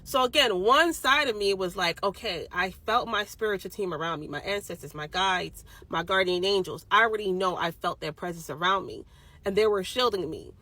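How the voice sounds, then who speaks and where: A young woman casually telling a personal supernatural story, animated and swearing freely, getting louder when she quotes people. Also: medium pitch, moderate pace. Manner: animated, swearing, rising loud when quoting others.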